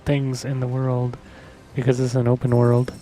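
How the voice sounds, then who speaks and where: Laid-back streamer guy, dark mellow voice, faint music in the back. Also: medium pitch, monotone, normal speed, rough recording. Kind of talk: casual chat while gaming.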